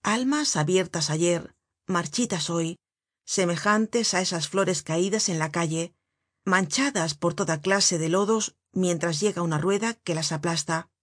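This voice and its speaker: Low-voiced woman narrating an audiobook. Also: dry recording, studio quality. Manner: measured, deliberate reading. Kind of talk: scripted narration.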